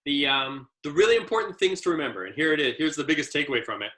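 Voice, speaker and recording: Bright-voiced man giving ski training talk. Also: fairly high pitch, quick pace. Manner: easygoing storyteller with many fillers. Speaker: adaptive ski instructor trainer. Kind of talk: casual training presentation.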